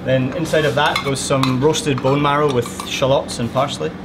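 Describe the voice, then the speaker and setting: Young man calmly explaining, humming kitchen. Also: medium pitch, moderate pace. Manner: calm step-by-step explanation. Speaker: sous chef. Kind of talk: explaining a dish while plating. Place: restaurant kitchen. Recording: loud kitchen air-conditioning hum. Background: air conditioning hum.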